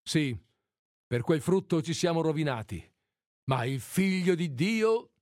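A man's voice: on the high side, big pitch swings, normal speed, darkish tone, no room sound, clean studio sound, pitched above the performer's own voice. A man voicing an agitated elderly village priest who pleads and grows angry. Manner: pleading, rising to anger.

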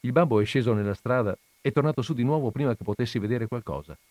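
A man reading a story aloud, voicing a farmer's young son who talks quickly and teases. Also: mid-range voice, darkish tone, dry recording, lightly acted. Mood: teasing. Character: teasing boy, a farmer's son.

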